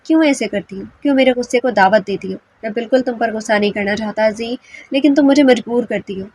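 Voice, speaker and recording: Woman reading controlling young husband, soft menace, audiobook, slightly high voice. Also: fast talker, natural voice. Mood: possessive.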